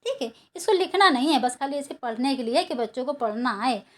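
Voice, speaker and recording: A woman's voice: high-pitched, lively intonation, brisk. A woman teacher explaining a school lesson to children, patient, repeating and rephrasing each point.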